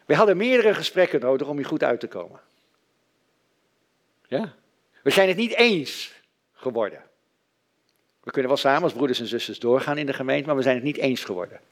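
A middle-aged man preaching a sermon, telling stories with dry, self-mocking humor. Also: mid-range voice. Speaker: pastor.

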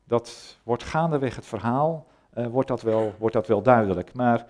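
A man preaching a sermon, retelling a Bible story in a casual, conversational way, pausing often with filler sounds. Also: medium pitch, a little mellow. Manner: conversational, hesitant with many fillers.

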